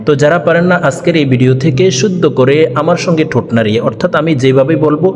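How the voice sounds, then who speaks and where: A man teaching Quran recitation word by word, slowly chanting each verse in a drawn-out melody between brisk explanations. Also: on the high side, a crowd in the background. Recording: echoey room with long reverb and faint music.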